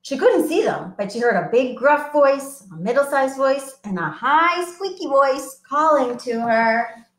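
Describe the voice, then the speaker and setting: A female children's librarian reads picture books aloud, coaxing young kids to join in with an animated, sing-song delivery. Her voice sits high, her pace is a little slow, and the sound is reverberant.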